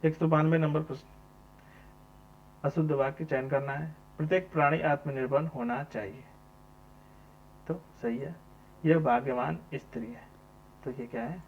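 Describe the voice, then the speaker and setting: Male tutor working through a test, somewhat high voice, lo-fi recording. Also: steady tone, normal speed, long pauses. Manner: repeats each question number, asks and answers himself. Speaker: teacher. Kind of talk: exam answer walkthrough. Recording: dull lo-fi sound with mains hum.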